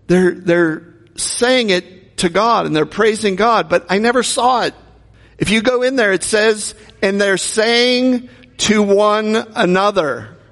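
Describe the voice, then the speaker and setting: In a high-pitched, slightly bright voice, a male pastor delivers a chatty sermon full of rhetorical questions for the congregation, captured with a long hall reverb.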